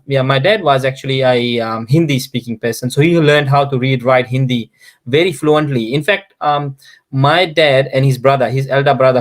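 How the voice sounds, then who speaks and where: A man from Fiji with a Fiji Indian accent, telling anecdotes casually as an interview guest and often chuckling as he talks. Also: medium pitch. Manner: chuckles often while talking.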